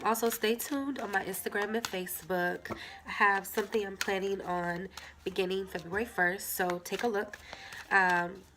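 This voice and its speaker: A tarot reader with a congested nose talks casually to camera as she lays out cards, chatty and full of filler words. Her voice is lowish and creaky, set against a noisy background.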